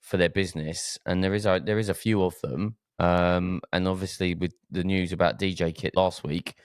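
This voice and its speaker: A man's voice: low-pitched, fairly even intonation, normal speed, clean tone, no room sound, clean studio sound. A man from Essex with an Essex accent hosting a casual podcast chat, hesitating and repeating words as he goes. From Essex, England. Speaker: podcast host.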